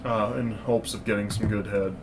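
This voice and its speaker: A man's voice: lowish voice, fairly even intonation, moderate pace, background noise. A man co-hosting a podcast, loosely recapping a movie plot in casual chat and acting out lines in jokey voices. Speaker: podcast co-host.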